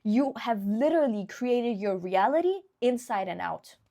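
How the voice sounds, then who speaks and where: A young woman giving earnest motivational advice straight to the viewer in a casual vlog, dropping to soft, near-whispered affirmations. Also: a little high, lively intonation, a little slow. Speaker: self-help vlogger.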